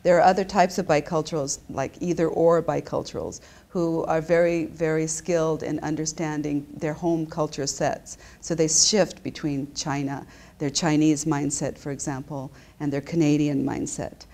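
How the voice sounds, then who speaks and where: Speaking at normal speed in a low, dark, flat voice, a business school professor in her fifties responds to interview questions from an indoor office. She grew up in Japan, and her explanatory answers are full of fillers and restarted sentences.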